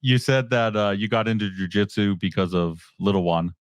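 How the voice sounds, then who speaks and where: A man's voice: lowish voice, normal speed, clean tone, dry recording, studio quality. A man hosting a podcast, chatting about his family in an easygoing, chuckling way. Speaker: podcast host. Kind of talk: casual chat.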